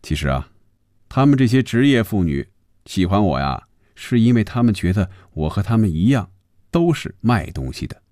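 A man's voice: sits low, very animated, moderate pace, darkish tone, no room sound, studio quality. A man doing a glib, teasing salesman. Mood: coaxing. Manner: coaxing and joking.

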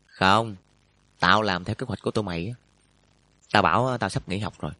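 A man's voice: on the low side, fairly quick, sharp tone, no room sound. A man voicing a brash, scheming teenage schoolboy who talks bluntly. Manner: blunt, offhand slangy talk.

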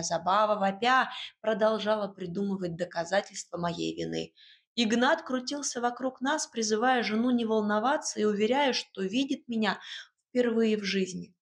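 Woman narrator, fairly high voice, lively storytelling; fits fantasy audiobook. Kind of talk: scripted first-person narration.

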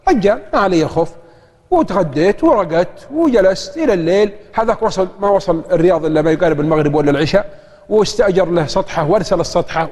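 Rapid high-voiced Saudi preacher. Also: male voice. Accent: Saudi Arabic. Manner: lively storytelling that acts out the dialogue. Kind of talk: storytelling sermon. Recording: long hall reverb.

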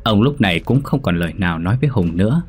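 A man narrating a ghost story in a steady, measured reading. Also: fairly low pitch, breathy edge, faint music behind.

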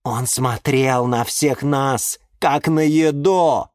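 A man's voice: mid-range voice, slow, no echo, clean studio sound, voice pushed up, lightly acted. A man voicing a scornful female orchid in a children's audiobook, with a mocking, interrupting manner. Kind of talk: audiobook character voice.

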